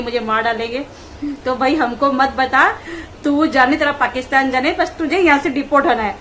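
A woman vlogger giving mocking, scolding commentary on clips in rapid rants. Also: high voice, a bit bright, slight background noise, poor audio.

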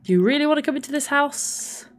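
A woman's voice: sits high, lively intonation, fast talker. A woman streaming a life-simulation game, chatting casually and gushing thanks to her viewers. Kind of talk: casual gameplay live stream chat.

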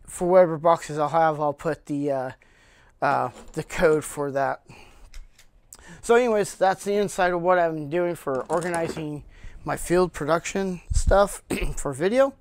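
A man hosting his own channel, casually showing his equipment cases off camera, with lots of fillers and frequent throat clearing. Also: a little high, no room sound. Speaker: channel host reviewing gear cases. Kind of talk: casual product show-and-tell. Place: indoor room with cloth backdrop, speaking off camera.

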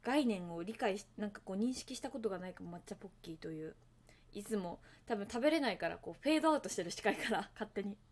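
A woman's voice: medium pitch, lively intonation, quick pace. A woman hosting a casual livestream, chatting to her viewers in a rambling way and laughing at herself. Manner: hums and sings along to songs between topics. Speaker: livestream host.

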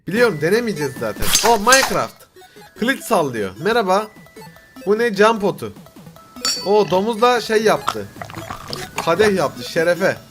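A young man casually commenting on videos he is watching, teasing and mocking what he sees. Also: sits high. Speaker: reaction video host.

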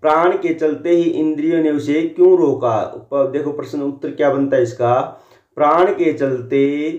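A male teacher explaining a school lesson to children, repeating phrases slowly and dictating answers for them to write down. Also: on the high side, darkish tone. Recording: roomy, dull lo-fi recording.

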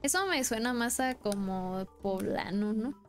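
Young woman, Mexican accent, rather high voice, chatty streamer, faint music underneath. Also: unhurried. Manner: chatty, rambling, laughs often. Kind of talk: casual live-stream chat.

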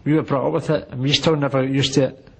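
A man speaks earnestly in an interview, indignant at what he recalls. His voice is mid-pitched and husky. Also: flat delivery, quick pace, a little mellow. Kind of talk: interview recollection.

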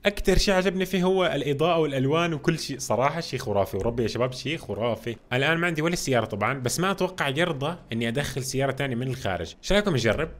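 A man hosting a gaming channel, chatting excitedly through a let's play and often calling out to his viewers. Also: mid-range voice, a little hiss or hum. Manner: excited, chatty, keeps addressing viewers as guys. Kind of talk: casual let's play commentary. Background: game sounds and music.

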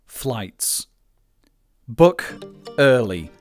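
A man's voice: medium pitch, sing-song, extremely slow, soft background music. A man narrating a scripted guide in an instructive way, stressing his key points. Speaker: channel host giving advice.

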